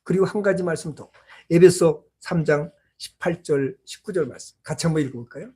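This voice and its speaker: In a small church, a pastor with a medium-pitched voice preaches fairly quickly, sharing a personal story. He swings from loud exclamations to hushed asides.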